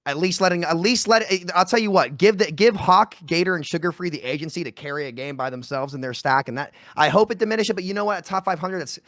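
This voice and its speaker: Brief: male podcast guest, fast and bright, rambling delivery, dry close sound. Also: high voice, no room sound. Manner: rambling, repeats words as he talks. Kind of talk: casual podcast chat.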